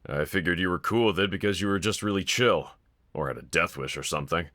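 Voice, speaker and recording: In an intimate, one-sided fan audio roleplay, a man performs a sardonic villain with a very low voice, drawling casually and teasingly yet speaking fast. His tone is bright and edgy, incredulous and sardonic, with a quiet vulnerability beneath it, and the sound is close and dry.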